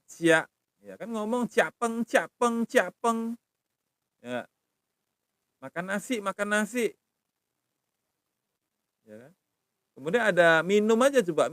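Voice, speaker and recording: A middle-aged man teaches a language on a live stream, patiently sounding out words slowly and checking in with his viewers. His voice sits a little high, and he speaks close to a phone mic in a dry, dead-sounding space. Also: a bit bright, dry recording.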